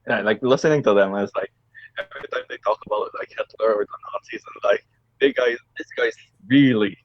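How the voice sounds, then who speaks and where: A young man from the Philippines chats on a podcast in a relaxed way, chuckling and trailing off into asides. His voice comes through a dull, muffled online call, dry and close. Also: fairly low pitch, fairly quick, dry recording. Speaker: podcast co-host. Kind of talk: casual chat.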